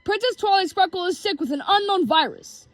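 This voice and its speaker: An earnest young pony hero from a homemade storybook, read by a woman calls out in a high, breathless voice. His words leap up and down in pitch as he pleads. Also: lively intonation, a little fast, no echo. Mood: urgent.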